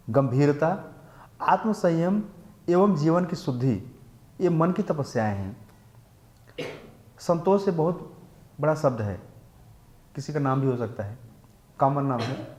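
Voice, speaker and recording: A man's voice: mid-range voice, a little mellow. A man giving a lecture on scripture in a temple class, explaining Sanskrit verses, asking the listeners rhetorical questions and mixing English words into his Hindi. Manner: chants Sanskrit verses slowly. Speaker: temple speaker teaching scripture.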